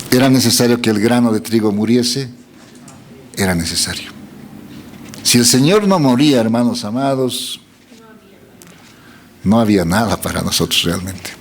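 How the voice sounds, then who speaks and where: A man's voice: lowish voice, creaky, a bit bright. A man preaching a sermon, reading scripture aloud and putting questions to the congregation.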